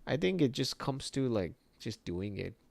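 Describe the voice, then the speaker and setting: A man hosting a casual livestream, chatting in a relaxed, rambling way, reacting to viewer chat and laughing often. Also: mid-range voice, moderate pace, creaky, no room sound. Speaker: livestream host and 3D artist.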